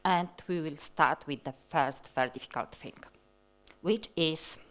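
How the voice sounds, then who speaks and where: Speaking in a low voice with a Polish accent, a woman in her forties delivers a technical talk on a large conference hall stage. She goes slowly and deliberately, often using fillers and restarting.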